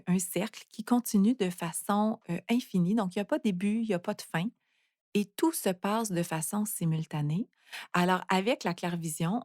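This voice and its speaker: A Canadian woman talks through spiritual ideas in a reflective, unhurried monologue, often pausing on fillers and restarting her sentences. Her voice sits at a middle pitch. It is recorded close to the mic in a dry room with no echo. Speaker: spiritual podcast host. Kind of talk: calm explanatory monologue.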